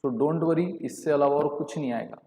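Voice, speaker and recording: A man with an Indian accent giving a live online lecture, switching between Hindi and English, reading statements out slowly and calling on students by name. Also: fairly high pitch, dark tone, roomy sound, big-room sound. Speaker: online teacher.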